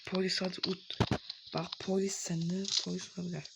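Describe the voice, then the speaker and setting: A man's voice: sits high, flat delivery, normal speed, creaky. A man with an Azerbaijani accent giving casual gameplay commentary, exclaiming at what happens on screen. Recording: loud background noise.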